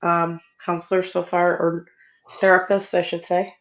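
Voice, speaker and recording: A middle-aged woman talks casually in a squeaky, stuffed-up voice, as if through a sinus cold. Her pitch sits a little low for a woman, and she chats informally as a livestream guest. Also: level tone, moderate pace. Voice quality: squeaky, congested voice from a sinus infection. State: congested with a sinus infection. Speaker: livestream guest chatting with viewers. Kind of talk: casual chat.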